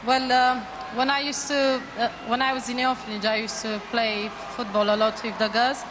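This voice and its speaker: A woman's voice: on the high side, little pitch movement, normal speed, noisy background. A woman from Romania, a game show contestant giving plain, confident interview answers with some hesitation. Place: large indoor arena.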